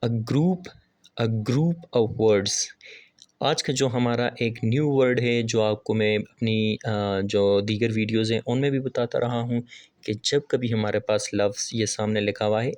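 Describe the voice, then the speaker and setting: A male teacher walks through a grammar lesson at a steady, mid-pitched level. He keeps asking the class what something is called and then answers himself. He slows right down to read each definition word by word. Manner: asks the class rhetorical questions and answers them; reads English definitions slowly and deliberately. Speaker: English teacher. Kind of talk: classroom-style video lesson.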